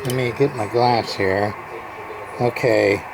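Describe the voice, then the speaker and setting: With a crowd audible behind him, a radio repair hobbyist slowly rambles through a hands-on walkthrough, muttering to himself. His tone is steady and medium-pitched, in an amateur workbench video with clear background noise.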